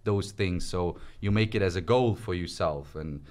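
A young Swiss man with a low voice, a guest in a small indoor podcast studio, tells his story at a normal speed in a relaxed, chatty, casual interview. He gestures freely as he talks, and a studio mic on a stand captures him up close.

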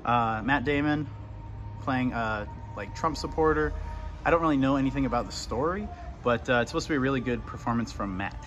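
Walking through an indoor mall, a man vlogs casually into a handheld camera held at arm's length, tossing out blunt, sarcastic, laid-back quips. His mid-range voice is fairly quick and fairly bright. The lo-fi recording carries noisy mall ambience and faint music.

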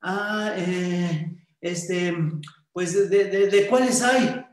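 A shy, jittery young man, as a male storyteller puts him on, trips over every word. His voice sits high and flustered. It echoes around a room, picked up from a distance. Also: very slow. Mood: hesitant. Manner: stammering, breathless and fumbling. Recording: roomy sound, distant mic.

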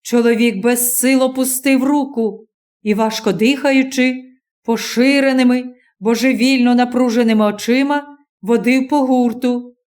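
A woman reading a short story aloud in a measured, dramatic storytelling manner. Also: on the high side, steady tone, a little mellow. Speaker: audiobook reader. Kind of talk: scripted audiobook narration.

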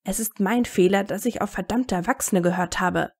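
A woman voicing a hot-tempered teenage boy wizard who shouts and swears in agitation. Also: mid-range voice, moderate pace, slightly rough. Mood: furious.

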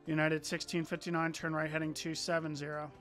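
A man's voice: fairly high pitch, monotone, fairly quick, a bit bright, soft background music. A young man acting as an air traffic controller, giving clipped, procedural radio instructions for a flight simulator.

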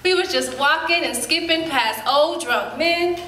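A woman performing a dramatic stage monologue as a spirited woman recalling her girlhood, telling it in lively, colloquial speech with sudden jumps in pitch. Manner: lively storytelling, colloquial, with quick leaps up in pitch. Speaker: stage actor. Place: theater stage. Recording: roomy hall.

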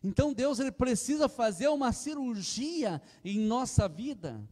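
An older man with a Brazilian Portuguese accent preaches with passion, pressing his points and calling out to the congregation. His voice sits fairly high for a man. He speaks into a handheld mic, and the church hall rings with a long reverb. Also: expressive, normal speed, warm tone. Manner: impassioned preaching, often calling the congregation "irmãos", retelling anecdotes. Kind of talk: sermon. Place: church platform indoors.

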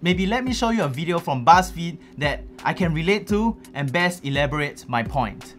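A young Singaporean YouTuber hosts a casual explanatory vlog in Singaporean English, sounding animated, gesturing a lot and tossing in chatty asides. His fairly high voice moves at a normal pace over faint background music. He sits at a desk in a small dark room lit by LEDs, wearing headphones and using a studio mic.

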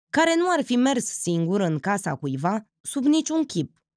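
A woman narrating an audiobook with expressive, character-driven reading. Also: fairly low pitch, no echo, clean studio sound. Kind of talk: scripted literary narration.

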